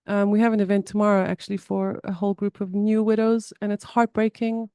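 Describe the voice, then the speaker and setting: A woman's voice: medium pitch, flat delivery, fairly quick, dark tone, clean tone, no room sound, clean studio sound. A woman with a South African accent, a therapist speaking earnestly in an interview, often restarting and repeating words. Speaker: guest, somatic therapist. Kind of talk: conversational interview.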